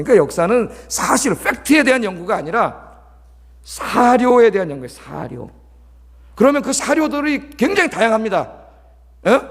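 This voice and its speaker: A middle-aged male pastor preaching a sermon, talkative and scolding, often checking in with the congregation. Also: sits high. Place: large church sanctuary. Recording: long church hall reverb.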